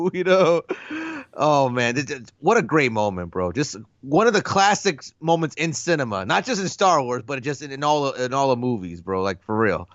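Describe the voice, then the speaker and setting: A man's voice: medium pitch, lively intonation, normal speed, hardly any pauses, no echo, dull audio. A man co-hosting a film podcast, casual and enthusiastic, tossing in "bro" as he recaps scenes. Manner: laid-back, enthusiastic, says "bro". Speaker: podcast co-host.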